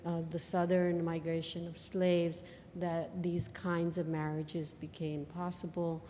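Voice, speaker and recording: A woman from Bangladesh, an artist, talking about her work in a live on-stage interview with thoughtful pauses between phrases. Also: fairly low pitch, warm tone, in a large hall, slight background noise.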